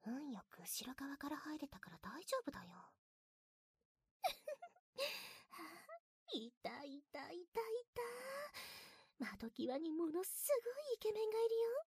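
Breathy, high teasing whisper from a young woman: mischievous invisible girl from the future, dry and close. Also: huge pitch swings, slow pace, long pauses, a little mellow, no room sound, exaggerated voice. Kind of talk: ASMR whispering roleplay.

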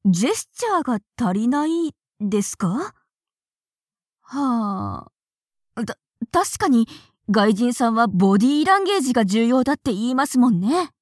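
A woman playing a naive, flustered young woman with a high voice. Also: very animated, moderate pace, no echo, clean studio sound. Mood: polite, flustered. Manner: polite, hesitant, stammers when flustered. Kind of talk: audio drama acting.

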